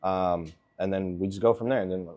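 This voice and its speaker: A man in his twenties, born in Venezuela and raised in Miami, answering interview questions as an NFL kicker in a relaxed way, with lots of filler words. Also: low voice, a little fast. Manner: laid-back, lots of ums and likes.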